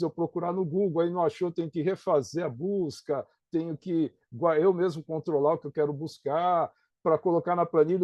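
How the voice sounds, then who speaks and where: Man, Brazilian Portuguese accent, middle-aged, professor, conversational interview explaining, keeps asking "né?" and "tá?", fairly high pitch, dry room. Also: darkish tone, no room sound. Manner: conversational, tags points with "né?" and "tá?".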